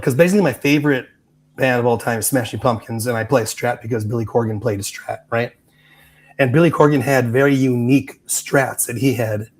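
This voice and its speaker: Guy with a shot voice chatting about guitars, says like a lot. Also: mid-range voice. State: losing his voice. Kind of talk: casual chat.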